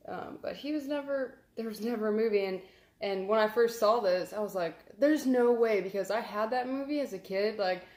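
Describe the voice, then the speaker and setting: A woman talks to camera in a loose, rambling way. She leans on fillers and sounds amused. Her voice sits at a middling pitch, and the recording has a roomy echo. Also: a little mellow. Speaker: vlogger. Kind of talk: casual chatty vlog.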